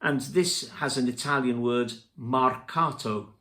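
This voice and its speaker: A man teaching music theory, spelling out terms letter by letter in a slow, deliberate lesson narration. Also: medium pitch, pushed and bright.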